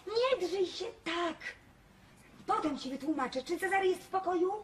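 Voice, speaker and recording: An actor playing a father stuck on a balcony, giving his daughter urgent, hushed orders. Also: extremely high pitch, expressive, normal speed, recorded from a distance, noisy background. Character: bossy scheming father, middle-aged man. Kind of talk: sitcom acting.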